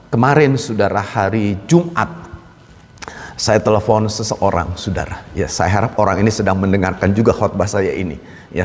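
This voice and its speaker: A male pastor preaching a sermon in a church, emphatic and often turning to address his listeners directly. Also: fairly low pitch. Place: church hall. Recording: long reverb of a large hall.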